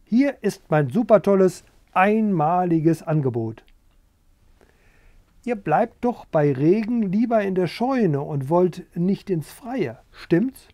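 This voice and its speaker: A man's voice: high-pitched, lively intonation, takes it slowly, mellow, dry recording, voice pushed up. A man voicing a boastful, eager young rooster in a storybook reading, talking in a pushy, wheedling way.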